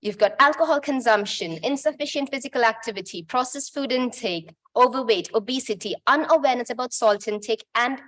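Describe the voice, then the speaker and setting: A woman's voice: on the high side, brisk, few pauses, fairly bright tone. A woman from Bangladesh giving a conference talk in an informal, chatty way, often stopping to correct herself. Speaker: conference presenter. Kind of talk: conference presentation.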